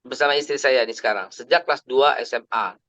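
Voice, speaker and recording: A man's voice: mid-range voice, quick pace, bright, forceful tone, dry recording. A man, telling personal stories in a chatty family sermon and sprinkling in English phrases. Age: 50s. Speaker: Islamic preacher. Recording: dry, slightly dull lo-fi recording.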